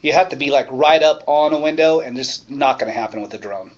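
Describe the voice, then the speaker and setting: A man talking on a casual live-stream chat, halting and restarting his sentences. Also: medium pitch. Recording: dull lo-fi stream audio.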